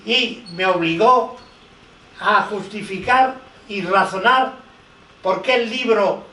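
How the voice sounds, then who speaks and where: A man's voice: high-pitched, slow, pushed and bright, slight background noise. An older man on a conference panel, telling anecdotes and quoting dialogue as he speaks. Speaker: lawyer and researcher speaking on a panel. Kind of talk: conference talk. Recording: echoey hall, distant mic.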